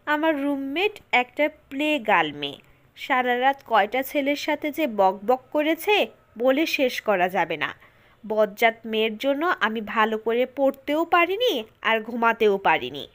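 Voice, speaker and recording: A woman's voice: fairly high pitch, very animated, a little slow. A woman doing a sulky, complaining young student girl. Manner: whiny, complaining.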